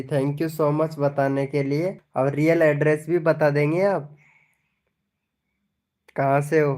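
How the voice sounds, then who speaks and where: Male streamer, unhurried and teasing, clear smooth voice. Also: on the high side, darkish tone. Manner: playful, teasing, chuckling often. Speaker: live stream host. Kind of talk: casual live-stream chat reading viewer messages.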